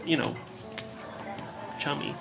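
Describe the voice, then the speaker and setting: A man running a tabletop game as game master, halting with many ums and laughing easily. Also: fairly bright tone, faint music behind.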